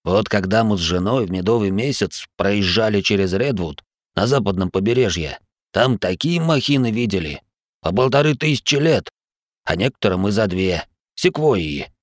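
A man's voice: on the low side, animated, normal speed, no room sound, clean studio sound, lightly acted. A man voicing a hot-headed, crude American soldier type in an audiobook. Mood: boastful. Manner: crude, quarrelsome. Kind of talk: audiobook character voice.

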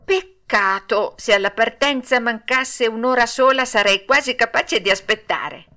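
A woman voicing Pinocchio, a naive wooden puppet boy, with dreamy drawn-out exclamations in an audiobook. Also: fairly high pitch, sharp tone, voice pushed up. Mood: pleading. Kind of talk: audiobook character voice.

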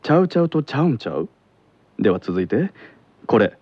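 A man playing a calm teenage boy who teaches Kansai dialect in a radio skit, speaking with a Kansai accent in a patient, measured way. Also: mid-range voice, no room sound, lo-fi sound. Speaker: lesson host in a radio skit.

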